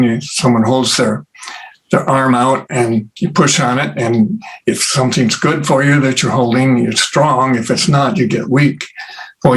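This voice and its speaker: A man who is an interview guest, telling stories in an unhurried way with many pauses and fillers. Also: mid-range voice, rough recording. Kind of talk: casual conversation.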